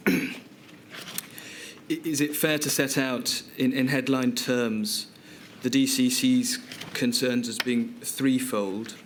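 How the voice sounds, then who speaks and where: A British man acting as counsel at a public inquiry, asking formal questions in a measured, deliberate way. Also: medium pitch, slight background noise.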